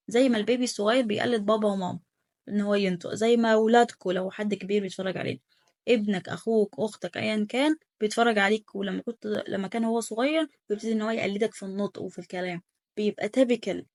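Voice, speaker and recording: A woman's voice: mid-range voice, darkish tone, dry recording, studio quality. A young woman with an Egyptian Arabic accent, teaching German in a casual online lesson and coaching pronunciation with lots of repetition. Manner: rapid, repetitive coaching, drills pronunciation aloud.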